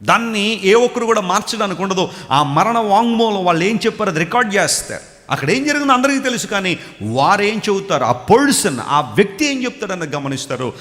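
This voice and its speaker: A man's voice: high voice, big pitch swings, a little fast, a bit bright. A man preaching a sermon, telling stories and asking his listeners questions directly. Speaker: pastor. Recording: long hall reverb.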